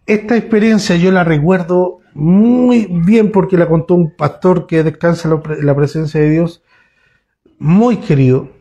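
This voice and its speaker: A pastor preaches in a fairly high voice. He talks to his congregation in a loose, storytelling way, often breaking off and restarting his sentences. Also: a little slow, warm tone. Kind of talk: sermon. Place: church.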